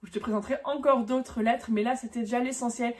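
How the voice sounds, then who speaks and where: A woman giving a casual pronunciation lesson, demonstrating sounds slowly and repeating words with frequent fillers. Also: on the high side, steady tone. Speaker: German teacher.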